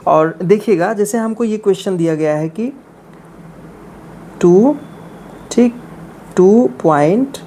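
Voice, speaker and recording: A woman's voice: fairly low pitch, dark tone, slight background noise. A woman teaching a math lesson for beginners, walking through each step patiently and reading digits one by one. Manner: slow and patient, reads digits one by one, often says "ठीक है".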